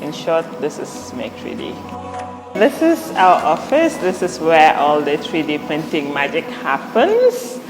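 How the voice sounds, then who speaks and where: A young woman from Gambia, a company director, giving a relaxed, friendly tour of her office and explaining her work. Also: deep voice, measured pace, music in the background, poor audio. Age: young adult.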